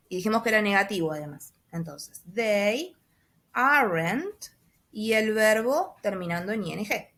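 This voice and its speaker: A woman teacher walks through a lesson at an unhurried, deliberate pace. Her voice sits in a middle register, and she stretches out example sentences and spells letters one by one. She keeps checking in with a quiet, questioning tag as she goes. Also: medium pitch. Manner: slow and patient, checks understanding with a soft "¿sí?" after each step. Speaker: English teacher. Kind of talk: recorded class explanation.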